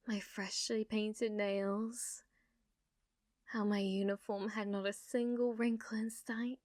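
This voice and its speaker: Her fairly high voice sounds bitter and haughty as she portrays a sadistic young noblewoman villainess in ASMR. She taunts theatrically, frequently dropping into breathy whispers, with studio quality and no room sound.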